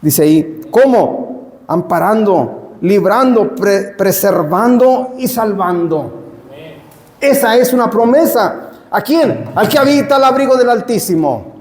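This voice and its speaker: Pastor for a sermon: a man with a high voice, emphatic and repetitive, who keeps calling the congregation "brothers", in a church hall with a long echo. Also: lively intonation, a little slow, a little mellow.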